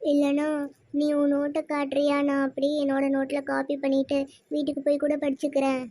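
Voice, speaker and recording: A humble, kind-hearted poor schoolgirl in a church kids' skit. She talks gently and pleadingly in a high voice with a dry, close sound. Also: monotone, fairly quick, dry recording.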